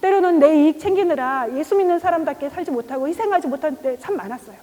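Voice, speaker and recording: A middle-aged woman delivers a sermon in a high, bright voice. She tells stories with laughter and softens to a hush at tender moments. The long reverb of a chapel trails each phrase. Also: animated, fast. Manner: warm storytelling with laughs, drops to a whisper for God's voice. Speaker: preacher. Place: church chapel.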